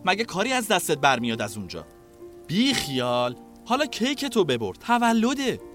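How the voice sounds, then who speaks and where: Man doing a brisk young woman journalist. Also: high-pitched, wildly swooping pitch, fairly bright tone, faint music behind, pitched above the performer's own voice, heavily acted. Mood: brushing off. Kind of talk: storytelling.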